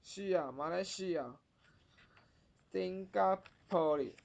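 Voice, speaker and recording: Woman teaching pronunciation, slow repeats. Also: on the low side, gravelly, darkish tone. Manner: repeats words slowly, drawing out sounds. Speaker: Japanese teacher. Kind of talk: pronunciation lesson. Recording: dull lo-fi recording.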